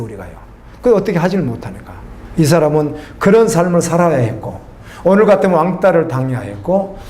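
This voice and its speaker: A man's voice: sits high, a little mellow, roomy sound. A middle-aged man preaching a sermon as a pastor, talking conversationally and putting questions to the congregation. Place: church.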